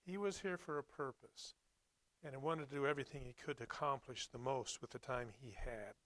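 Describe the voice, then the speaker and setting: A man preaching a Sunday sermon, reading scripture and commenting on it in a plainspoken, reflective, halting way. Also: medium pitch, fairly bright tone, no echo.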